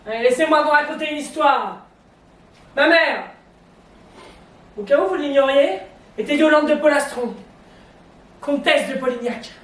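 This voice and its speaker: A woman's voice: high-pitched, measured pace, pauses often, a bit bright. A woman playing an imperious, menacing male prime minister in a historical stage drama, declaiming pompously. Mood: smug. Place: theatre stage in Paris. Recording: echoey theatre, distant microphone.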